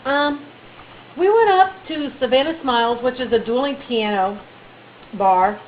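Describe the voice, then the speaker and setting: A woman telling a funny personal story in a chatty, animated way, with bits of playful baby talk. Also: sits high, a little slow, phone-quality sound, a little hiss or hum. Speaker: vlogger.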